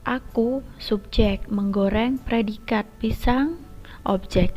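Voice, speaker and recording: A woman teacher explaining a lesson step by step and addressing her students directly, her voice often trailing into a soft whisper. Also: fairly high pitch, slow, faint music behind. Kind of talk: recorded classroom lesson. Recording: lo-fi dull recording.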